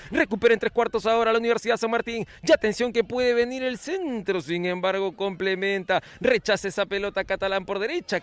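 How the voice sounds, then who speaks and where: A man's voice: high-pitched, fairly bright tone, clean tone. A man with a Peruvian accent giving live football play-by-play in an emphatic, dramatic manner. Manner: emphatic, dramatic delivery with repeated names and drawn-out goal calls. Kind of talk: live match commentary.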